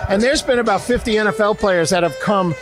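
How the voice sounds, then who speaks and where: Male field host, outdoor stadium interviews, upbeat, leading questions, higher pitch. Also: brisk, over music. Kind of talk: on-location interview.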